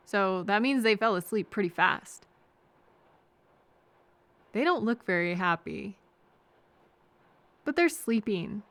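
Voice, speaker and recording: A woman with a medium-pitched voice plays a kind, anxious, chatty traveler in an audio roleplay, gently overthinking and thinking aloud in a hesitant, earnest way. There's no echo.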